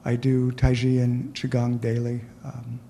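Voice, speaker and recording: A man's voice: medium pitch, monotone, a little slow, gravelly, mellow, slight background noise. A man, a first-time retreat participant, introducing himself hesitantly with many fillers. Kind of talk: self-introduction in a group.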